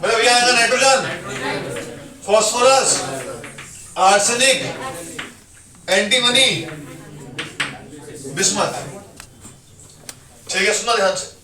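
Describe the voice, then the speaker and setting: A man's voice: very high-pitched, takes it slowly, pauses often, echoey room, distant mic, crowd noise. A male teacher leading a chemistry class in call-and-response, chanting mnemonics in a sing-song way and joking with his students.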